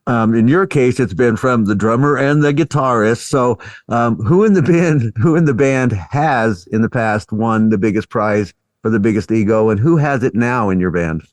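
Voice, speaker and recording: A man's voice: medium pitch, moderate pace, no room sound. A man hosting a music podcast, asking his guest about band life in an easygoing way and laughing along. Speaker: podcast host, interviewer. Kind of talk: interview questions.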